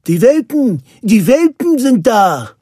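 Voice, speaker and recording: A man puts on an excitable older housekeeper for a storybook, pitching her voice far up and calling out as if from another room. Her voice is slightly husky and swings widely. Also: slow, no echo, studio quality, exaggerated voice. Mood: excited. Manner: excited shouting, then tearful and broken.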